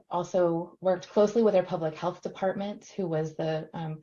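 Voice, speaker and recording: A woman in extension work gives a documentary interview, speaking steadily with frequent fillers. Her voice is lowish and dark in tone, captured on a dull, lo-fi recording.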